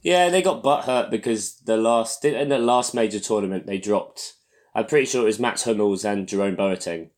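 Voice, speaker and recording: A man's voice: on the low side, normal speed. A man co-hosting a casual podcast, full of teasing, sarcastic banter. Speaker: podcast co-host. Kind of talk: casual chat.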